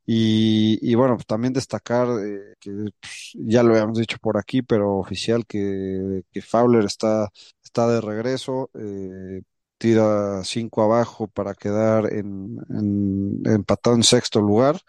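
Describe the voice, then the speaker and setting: Low-voiced man, dry sound. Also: steady tone, unhurried, a little mellow, clear, resonant tone, no echo. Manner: colloquial, hesitant with repeats. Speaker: podcast co-host. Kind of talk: casual golf chat.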